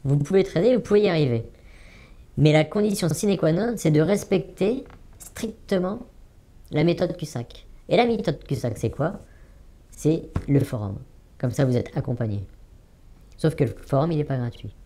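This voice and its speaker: Man in his 40s, anonymous witness, halting delivery, warm dark tone, repeats himself for emphasis. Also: a little high, animated. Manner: hesitant, many fillers, repeats words for emphasis. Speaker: anonymous former trading student giving testimony. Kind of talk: interview testimony.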